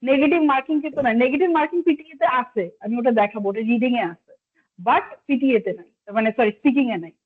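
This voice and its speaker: A high-voiced woman from Bangladesh leads an online exam-prep class, explaining patiently and apologizing when she must say no. Her voice comes through a thin, phone-like call line. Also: brisk, slightly rough. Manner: polite, apologetic, explains step by step, mixes in English. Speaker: PTE instructor. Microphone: video call.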